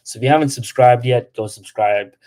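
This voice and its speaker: A young man of Polish background hosts a casual travel livestream, reading and answering comments in a brisk, medium-pitched voice with a dark tone. He's chatty, says "like" a lot, and drops blunt asides aimed at trolls.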